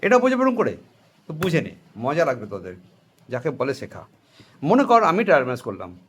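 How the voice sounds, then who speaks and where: A man's voice: medium pitch, wildly swooping pitch, a little fast, fairly bright tone, breathy edge. A man teaching accounting to a class, questioning students and having them repeat answers, with English and Hindi phrases mixed in. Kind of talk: classroom lecture with call-and-response.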